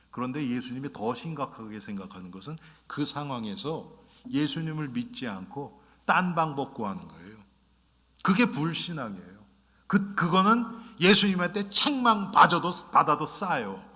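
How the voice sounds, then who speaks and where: Bright-voiced pastor preaching in a reverberant church. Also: male voice, fairly high pitch. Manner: conversational, often addresses the congregation directly; acts out short quoted lines in a raised voice. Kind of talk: sermon. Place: church sanctuary. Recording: long reverb of a church sanctuary.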